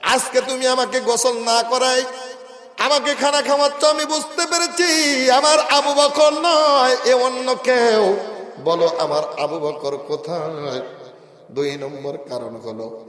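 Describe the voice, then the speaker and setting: A male preacher doing a frail old blind woman, soft and pleading. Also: very high-pitched, slow pace, pitched above the performer's own voice, heavily acted. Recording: echoey loudspeaker reverb.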